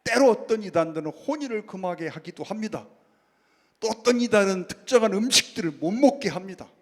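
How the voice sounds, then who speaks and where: A man's voice: sits high, expressive, fairly quick, in a large hall. A man preaching a sermon as pastor, often calling out to the congregation and answering his own questions. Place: church sanctuary.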